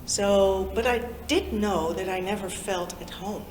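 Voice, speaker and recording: In a meeting room in Lusaka, a native Dutch-speaking woman in her fifties chats with a group of young people, pulling them in with questions. Her mid-range voice is slow and warm, and the recording sounds roomy.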